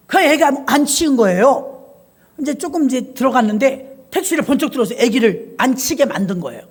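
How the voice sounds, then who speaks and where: Lively woman pastor telling sermon stories. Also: high voice, slightly rough. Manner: animated storyteller acting out voices. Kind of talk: sermon with storytelling.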